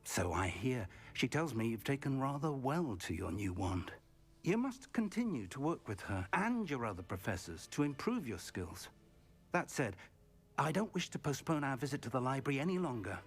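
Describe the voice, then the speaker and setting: A patient older wizard professor guides his student in a video game. He speaks in a measured, formal way, with a voice that rises and falls expressively at a mid pitch. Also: sing-song.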